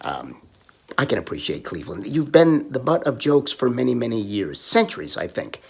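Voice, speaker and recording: A man's voice: mid-range voice, very animated, moderate pace, creaky, slightly rough. A man leaving a casual, wry video message, poking fun at himself and at a city. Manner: wry, self-deprecating, offhand.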